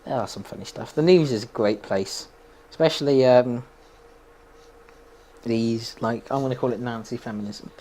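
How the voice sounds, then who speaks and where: A man's voice: medium pitch, normal speed, warm tone. A young man chatting casually while playing a game, rambling, opinionated and laughing often. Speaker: gaming streamer.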